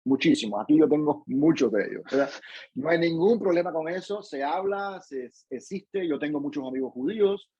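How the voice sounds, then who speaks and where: Man, Cuban accent, husky voice, slightly high, thoughtful with restarts, dull dry recording. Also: animated, moderate pace, mellow, no echo. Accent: Cuban Spanish. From Cuba. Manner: thoughtful, many restarts and tag questions. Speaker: interview guest, professor. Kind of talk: casual interview answers.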